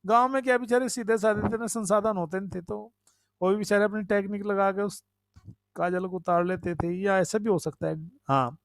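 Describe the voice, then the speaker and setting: A man's voice: high-pitched, steady tone, normal speed, no room sound, studio quality. A man giving a devotional talk, conversational, repeating phrases, asking his listeners questions and thanking them by name. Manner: reads and thanks commenters by name. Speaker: preacher. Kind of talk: devotional discourse.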